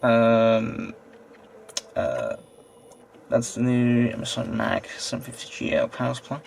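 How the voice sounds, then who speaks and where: A man's voice: mid-range voice, very animated, measured pace, gravelly, slight background noise. A man chatting casually as he shows off his computer, hesitant and trailing off often. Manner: hesitant, lots of ums and trailing off. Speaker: tech vlogger. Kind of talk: casual chat while showing his computer.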